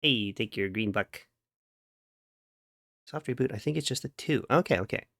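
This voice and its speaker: A man's voice: mid-range voice, expressive, moderate pace, vocal fry, fairly bright tone, no room sound, studio quality. A man chatting casually with viewers on a live stream, playful and giggly, humming and scatting to himself between remarks. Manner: playful, giggly, hums and scats to himself while working.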